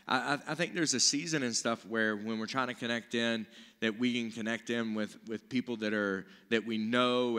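In a reverberant church auditorium, a man in his forties stands on stage before a seated audience. His voice sits in the mid range with a sharp edge, and he delivers an earnest, informal Bible teaching in a conversational way.

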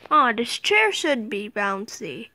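A woman giving excited game commentary, dropping to whispers and jumping to shrieks. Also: on the high side, slow, no echo, poor audio. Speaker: gaming video host.

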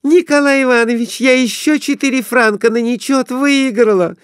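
A man voicing an excitable young married woman who is gambling, with high squealing exclamations. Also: moderate pace, dry recording, studio quality. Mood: excited.

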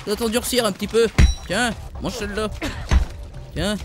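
A gaming YouTuber with a French accent commentates his own gameplay, excitably trash-talking opponents and addressing viewers as "les gars." His voice is high and moderately paced, with music playing behind it.

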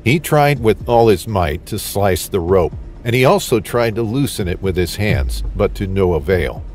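A man giving scripted narration in a steady, dramatic storytelling manner. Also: lowish voice, normal speed.

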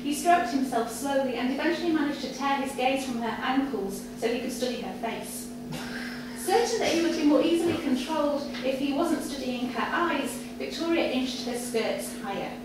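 At a live literary event in a cafe bar, a woman with a high voice reads a story to a small crowd, animated and at a normal pace. The far-off camera captures strong reverberation along with obvious background noise and audience sounds.

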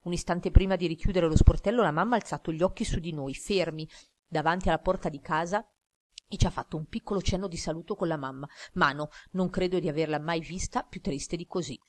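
Female audiobook narrator, calm steady storytelling. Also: fairly low pitch, quick pace. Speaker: audiobook reader.

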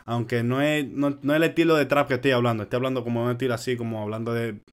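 Man, music reaction host, casual animated talk, slangy, mid-pitched voice. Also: racing, smooth. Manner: chatty, animated, slangy, talks straight to viewers. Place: home in Orlando.

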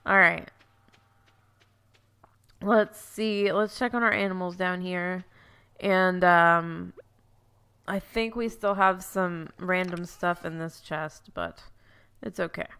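In her let's play of a farming game, a woman with a stuffy voice thinks aloud and corrects herself as she chats. She speaks slowly with frequent pauses, her lowish voice fairly even, pushed and bright with a clean tone.

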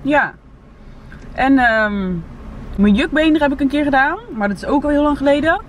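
A woman's voice: sits high, normal speed. A young woman, a reality TV contestant, chatting candidly and bluntly as a guest. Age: young adult. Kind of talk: casual chat. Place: inside a parked car. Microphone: camera on the dashboard. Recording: distant mic in car, faint hum.

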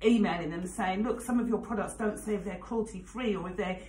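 A woman's voice: mid-range voice, a little fast, darkish tone, echoey room, a little hiss or hum, poor audio. A woman in her forties presenting on the radio, chatting frankly with plenty of fillers and asides. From England. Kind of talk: casual radio chat. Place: radio studio. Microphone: studio microphone.

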